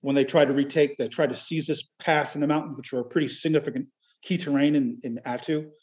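A man talking casually in an interview, halting and rambling but enthusiastic. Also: medium pitch, steady tone, a little mellow. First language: Chiac French. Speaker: amateur military history researcher, podcast guest. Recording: dull, lo-fi audio.

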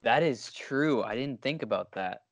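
A man's voice: mid-range voice, animated, unhurried, no room sound. Man, dry close sports-podcast voice. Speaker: podcast co-host. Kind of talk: casual sports chat.

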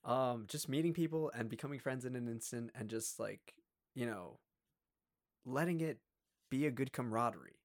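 Animated young man telling a story. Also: mid-range voice, moderate pace. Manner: animated, acts out quoted voices, many fillers. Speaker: podcast co-host. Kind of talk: casual storytelling.

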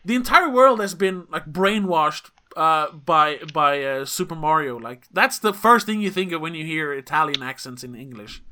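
Bright voice, casual movie chat, lots of ums and sorry-asides. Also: mid-range voice, animated, normal speed, hardly any pauses. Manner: rambling, hesitant, apologetic asides. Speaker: podcast co-host. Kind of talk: casual film review chat.

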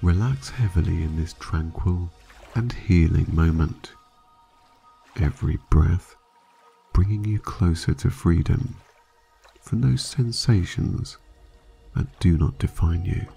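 A man narrating a guided sleep meditation like a sleep story narrator, calm, measured and hypnotic, with long pauses between phrases. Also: low voice, gravelly, slightly rough. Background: soft music.

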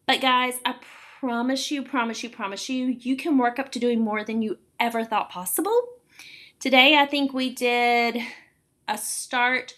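A woman in her late forties with a bright, forceful voice pitched on the high side. She talks casually as a podcast host and coach, encouraging listeners and repeating words for emphasis. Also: steady tone, a little slow. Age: late 40s. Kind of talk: casual explanatory podcast talk.

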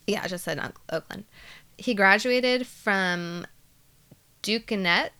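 A woman's voice: mid-range voice, a little slow, sharp tone, clean tone. A woman co-hosting a casual podcast, who chats, laughs easily and uses lots of fillers while recapping a story. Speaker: podcast co-host.

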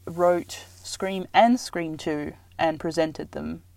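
A woman's voice: low voice, steady tone, slow pace, vocal fry, a little mellow, no echo. A woman co-hosting a casual movie chat, rambling with many fillers and laughing often, chewing as she talks. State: chewing while talking. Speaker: podcast co-host. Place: in a car.

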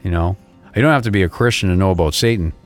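A man in a casual faith discussion, animated, repeating himself and laughing often. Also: sits low, racing, soft background music. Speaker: co-host.

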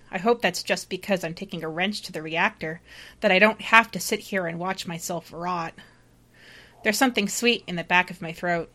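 A woman playing a panicked, doomed lighthouse keeper in space, delivering a halting, confessional distress-call monologue. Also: on the low side, bright, forceful tone. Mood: resigned, grieving. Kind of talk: dramatic first-person monologue read aloud.

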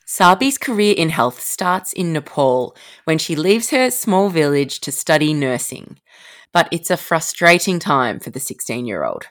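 A woman hosting a podcast and narrating scripted story segments in an expressive storytelling manner. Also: low-pitched, measured pace.

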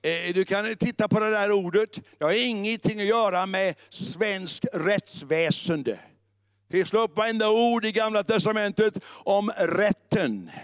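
High-voiced man preaching a sermon. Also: no room sound. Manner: shifts between loud declaring and quiet musing; mixes English words into the talk. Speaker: pastor.

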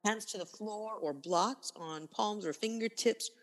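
A woman instructor guiding a yoga class with calm, unhurried cues in short, breath-led phrases. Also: medium pitch. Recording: long reverberant room echo.

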